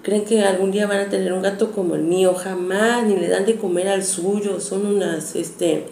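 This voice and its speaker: A woman voicing a spiteful older woman neighbor who rants in a shrill, scornful way. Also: fairly even intonation, normal speed, mellow, roomy sound, a little hiss or hum, close to an everyday voice.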